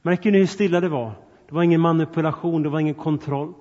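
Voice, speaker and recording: Higher-voiced man preaching in a reverberant hall. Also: fairly even intonation, darkish tone. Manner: earnest, addresses the congregation directly with questions and appeals. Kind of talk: sermon. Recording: long reverb, dull sound.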